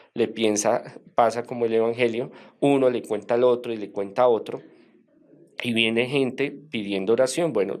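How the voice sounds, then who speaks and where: A man, an exorcist priest, telling his story in an interview in a measured, hesitant way with many fillers. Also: medium pitch, a little mellow.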